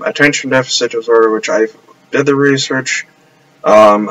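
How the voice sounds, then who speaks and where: A man's voice: medium pitch, a bit bright, rough recording. Man, rambling live stream chat, loose and meandering, home apartment. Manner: rambling, restarts often, laughs to himself. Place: upstairs apartment in a house.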